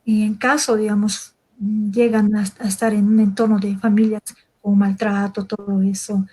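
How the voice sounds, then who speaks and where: A woman hosting an interview, reflecting hesitantly and often pausing with fillers. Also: mid-range voice, little pitch movement, mellow, slightly rough, poor audio. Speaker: interview host. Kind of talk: conversational interview.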